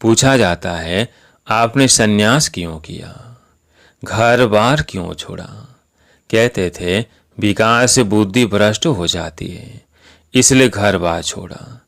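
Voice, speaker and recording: A man reading a spiritual discourse aloud in a calm, measured, instructive way. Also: lowish voice, gravelly. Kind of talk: slow devotional sermon reading.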